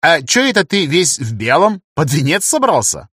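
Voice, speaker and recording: A sly, teasing raccoon thief pokes fun in a raised, playful voice, as a man puts him on. The tone is husky and dry. A storybook scoundrel who never stops needling. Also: fairly high pitch, big pitch swings, normal speed, a bit bright, dry recording, voice pushed up, full character voice. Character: cheeky male raccoon thief, mocking and playful.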